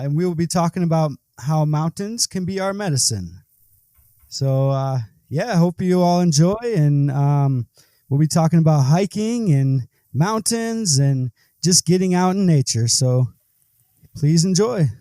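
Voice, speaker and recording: A man hosting a podcast, talking in a relaxed, hesitant way with fillers. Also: a little high, measured pace, no room sound. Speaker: podcast host. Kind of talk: casual conversation.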